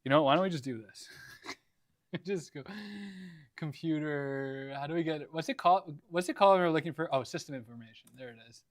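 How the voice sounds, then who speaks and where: A man's voice: on the high side, fairly quick, dry recording, clean studio sound. Laid-back young man, livestream chat. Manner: laid-back, rambling, lots of likes and ums. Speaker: livestream host. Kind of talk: casual livestream Q&A. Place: home workshop.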